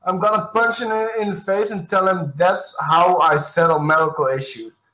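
A man's voice: high-pitched, moderate pace, sharp tone, slight background noise. A man playing a tabletop game in a brash, blunt and profane way. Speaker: player. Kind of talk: casual tabletop play. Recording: roomy echo.

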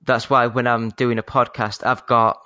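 A man's voice: mid-range voice, little pitch movement, sharp tone, no room sound. Yorkshire man hosting a gaming podcast. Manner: polite, measured phone-trained manner. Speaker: podcast host. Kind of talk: casual gaming podcast chat.

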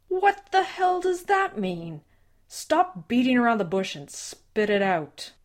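A woman voicing a furious older father who shouts and demands answers in a raised, strained voice. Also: a little high, big pitch swings, slow, voice pushed up. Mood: angry.

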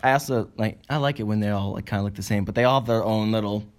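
A man's voice: fairly low pitch, fast talker. A young man hosting a casual podcast, rambling with many fillers and frequent laughs. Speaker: podcast host.

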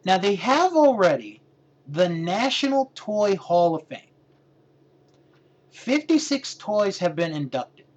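Easygoing podcast co-host, lively pitch. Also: male voice, slow, pauses often. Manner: relaxed, hesitant, trails off with restarts. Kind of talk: casual chat.

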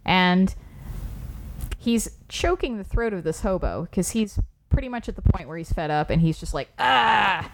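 A woman's voice: fairly low pitch, lively intonation, moderate pace, noisy background. A woman co-hosting a casual movie podcast, talking in a chatty way with casual swearing and quotes acted out. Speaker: podcast co-host. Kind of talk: casual movie review chat.

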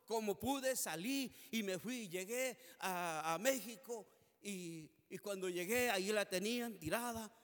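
High-voiced preacher in echoing hall. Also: male voice, measured pace, a bit bright. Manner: earnest, swelling into fervent prayer. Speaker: preacher giving testimony. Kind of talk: emotional testimony sermon. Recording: long hall reverb.

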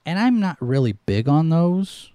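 Middle-aged male streamer, mellow and dry, loose rambling delivery. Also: a little high, very animated, a little slow, smooth, no room sound. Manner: rambling, with frequent restarts and fillers. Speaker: livestream host. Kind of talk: casual livestream chat. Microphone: headset microphone with headphones.

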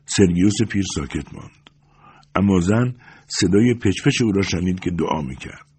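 A man narrating a story as an audiobook in a steady, measured reading. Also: low-pitched, husky.

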